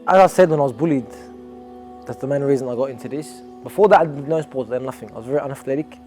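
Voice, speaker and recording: A young Australian amateur boxer speaks earnestly and reflectively in a documentary interview, frequently restarting sentences. His mid-range, darkish voice moves very fast over soft background music.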